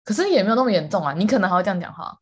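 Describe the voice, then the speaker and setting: A woman co-hosting a casual chat podcast, animated and quick to repeat words for emphasis, laughing often. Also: mid-range voice, breathy edge. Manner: calls herself quick to anger. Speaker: podcast co-host.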